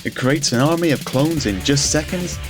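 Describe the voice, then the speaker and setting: Man doing an infomercial announcer over loud music. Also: a little high, moderate pace, close to an everyday voice. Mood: hard sell. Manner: emphatic, rhetorical, instructional. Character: punchy male infomercial announcer.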